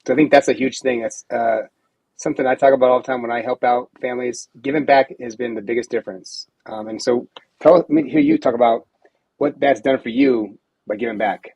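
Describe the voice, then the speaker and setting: A man with a gravelly, husky voice hosts a live-stream interview. He asks questions in a supportive way, and the sound is dry and close. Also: medium pitch, fairly even intonation, a little fast, darkish tone, no echo, rough recording. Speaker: host.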